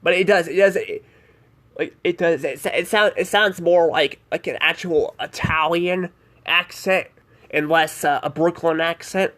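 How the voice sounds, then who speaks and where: Guy rambling through a cartoon review, kinda high voice, keeps hedging and trailing off. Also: measured pace, fairly bright tone. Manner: rambling and hesitant, heavy on "like" and "I don't know". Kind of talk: casual spoken review.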